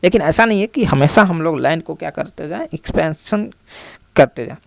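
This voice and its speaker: A man's voice: on the high side, expressive, brisk, gravelly, no echo. A man teaching a lesson, explaining step by step and repeating key terms with many fillers. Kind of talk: classroom lecture.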